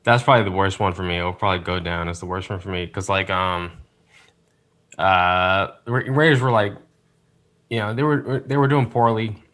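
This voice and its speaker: Male podcast guest, fairly low bright voice, rambles through his stories with lots of fillers. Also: normal speed. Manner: rambling storyteller with many fillers, rueful. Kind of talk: casual chat.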